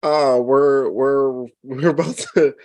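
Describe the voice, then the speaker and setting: A man's voice: medium pitch, fairly even intonation, slow pace, darkish tone, no room sound. A man co-hosting a gaming podcast, ranting with exasperation and cursing. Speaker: podcast co-host. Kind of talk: casual gaming chat.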